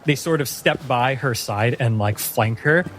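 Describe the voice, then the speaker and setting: A man's voice: medium pitch, fairly bright tone, slight background noise. A man narrating a tabletop fantasy game as game master. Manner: slow, descriptive.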